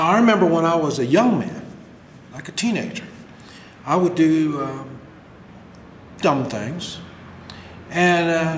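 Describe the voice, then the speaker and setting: An older man with a fairly high voice rants grumpily and bluntly, as if to a camera at home. His delivery is exasperated and halting, full of rhetorical questions. The room is very echoey and reverberant, with a faint layer of noise. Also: a bit bright. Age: older, about 60s. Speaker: vlogger delivering opinion rants. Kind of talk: unscripted opinion rant to camera. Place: bare-walled room indoors at home.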